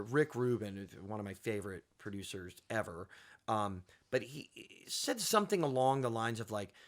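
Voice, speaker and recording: A man, a music producer guest, telling stories in a relaxed podcast chat and acting out quoted voices. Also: fairly low pitch. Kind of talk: casual podcast conversation.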